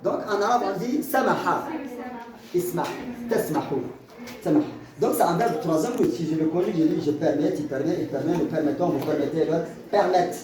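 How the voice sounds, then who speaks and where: A man's voice: on the high side, brisk, a crowd in the background. A teacher explains grammar to a class, repeating and restarting his words often as he gives examples. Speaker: French teacher. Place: school classroom. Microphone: far from the mic. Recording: echoey classroom, far mic, student noise.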